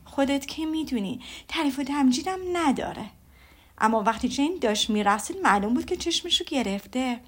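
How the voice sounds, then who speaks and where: A woman doing a gushing, excitable mother. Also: high voice, breathy edge. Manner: gushing and breathless. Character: excitable gossiping middle-aged mother.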